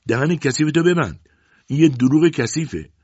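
A man voicing a strong, stingy, greedy middle-aged mother who scolds and shouts at her daughter in a storybook reading. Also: lowish voice, sing-song, breathy edge, dry recording, pitched above the performer's own voice, heavily acted. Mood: shouting. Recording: dull dry lo-fi audiobook recording.

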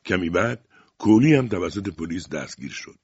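A male narrator reading an audiobook in a measured, calm way. His voice is very deep and husky, recorded dry, with a dull, muffled tone. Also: dry recording.

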